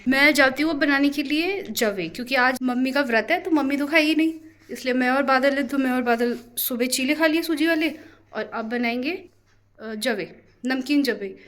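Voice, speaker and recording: A woman's voice: high voice, normal speed, a bit bright. A young woman chatting playfully to camera in a casual home vlog. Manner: playful, chatty, giggling through a drying face mask. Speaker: vlogger.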